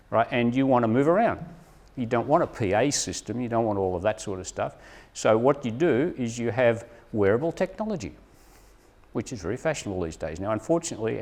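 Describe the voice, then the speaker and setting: A man's voice: medium pitch, a little mellow. A man giving a live training talk to teachers, often checking in with "right?". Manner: chatty, keeps checking in with "right?". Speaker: presenter at a teacher training session. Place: meeting room with a live audience. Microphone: lapel mic, later a room camera mic from afar. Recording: distant room mic at times.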